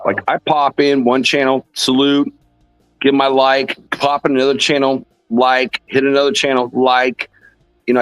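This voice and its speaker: A man's voice: medium pitch, no room sound, low-quality recording. An older man on a casual podcast panel who rambles and repeats himself for emphasis.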